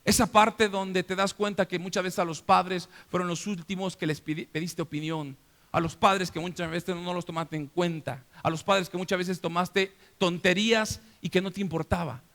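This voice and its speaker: Middle-aged Mexican male pastor, emotional sermon testimony, high and bright, reverberant hall. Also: fairly even intonation, normal speed, creaky. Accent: Mexican Spanish. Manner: emotional storytelling, acting out family voices. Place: church.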